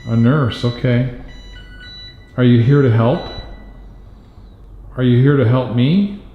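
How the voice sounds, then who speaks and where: A man's voice: mid-range voice, fairly even intonation, takes it slowly, a little hiss or hum. A man investigating the paranormal, firmly questioning a spirit aloud inside an abandoned hospital. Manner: firm, probing questions. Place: abandoned hospital floor, indoors. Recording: roomy, dull-sounding hall recording.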